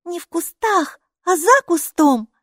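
A high, eager little girl. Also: animated, moderate pace, no room sound, clean studio sound. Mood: sly polite. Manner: high, breathy, eager exclamations. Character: excitable six-year-old girl, sly and plucky.

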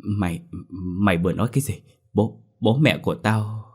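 A man's voice: lowish voice, expressive, moderate pace. A man voicing a young male exorcist in his thirties, anxious and blunt, in a storybook reading. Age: 30s.

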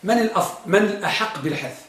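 A man leads a grammar lesson in a classroom. He asks his students questions and repeats each example slowly with stress. His voice sits high, and it is picked up from across an echoey room. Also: lively intonation, a bit bright, far from the mic. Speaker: grammar teacher.

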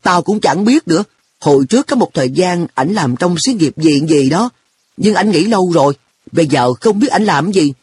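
Man voicing a cheeky happy-go-lucky kid, pitched up and bouncy, breathy husky tone. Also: expressive, normal speed, darkish tone, a little hiss or hum. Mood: blunt. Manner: offhand, blunt boyish talk. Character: boy An, carefree, teasing, money-minded.

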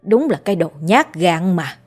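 A woman voicing a gruff old grandfather, a grave digger who scolds and curses coarsely. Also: low voice, unhurried, a little mellow, faint music behind. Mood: scolding.

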